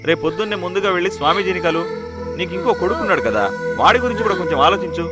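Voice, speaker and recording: A gentle, advising villager. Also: male voice, high voice, lively intonation, very fast. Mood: consoling. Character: kindly village man consoling a servant. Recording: film soundtrack with music.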